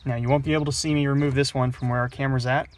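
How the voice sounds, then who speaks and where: A man races through a casual installation tutorial at a car's dashboard, his medium-pitched voice showing little pitch movement. He keeps it hands-on and plain-spoken, explaining each step.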